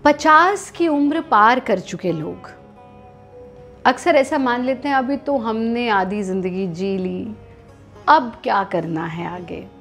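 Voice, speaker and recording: A woman with an Indian accent, a yoga teacher giving calm, measured guided instruction. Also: on the high side, faint music behind.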